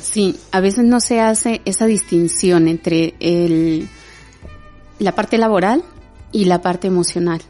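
Calm Latin American woman interviewer. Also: on the low side, faint music behind. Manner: empathetic, measured questions. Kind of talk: conversational interview.

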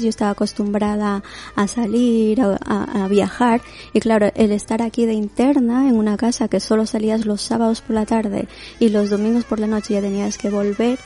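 Latin American woman in her forties, interview guest; mellow, gravelly delivery, faint music underneath. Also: fairly high pitch. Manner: reflective, many restarts and fillers. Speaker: guest, domestic worker. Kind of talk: conversational interview.

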